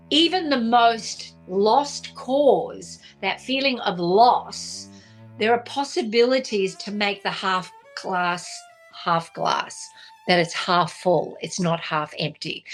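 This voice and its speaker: A woman talks straight to her viewers, telling a story from her day. She rambles, starts over often and fills her pauses, and a little music plays faintly behind her. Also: mid-range voice. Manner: rambling, with many restarts and fillers. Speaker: vlogger. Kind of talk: casual storytelling monologue.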